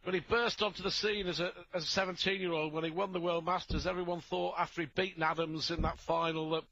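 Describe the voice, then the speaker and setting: High, bright-voiced male darts commentator. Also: flat delivery, quick pace, dull audio. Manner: opinionated, reflective analysis between throws. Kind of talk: live sports commentary.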